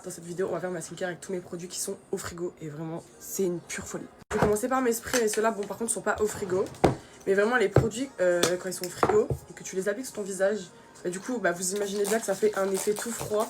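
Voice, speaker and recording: A woman's voice: medium pitch, heavy background noise. A young woman from France chatting casually through her skincare routine, with many fillers. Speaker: beauty vlogger.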